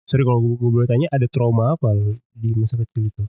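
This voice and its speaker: A man hosting a podcast, asking quick, blunt questions. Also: medium pitch, fairly even intonation, dry recording, narrow, tinny audio. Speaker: podcast host. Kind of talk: casual podcast interviewing.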